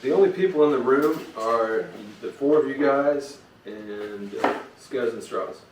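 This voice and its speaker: A man's voice: medium pitch, unhurried. A man narrating a tabletop game as dungeon master, casual and rambling with many fillers. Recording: roomy, distant, noisy home recording.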